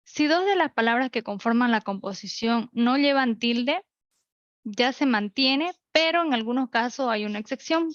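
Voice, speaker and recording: Online teacher, woman, higher voice, slightly dull lo-fi mic, methodical. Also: no room sound. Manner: explains rules step by step with examples. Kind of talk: online class lecture. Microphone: computer mic.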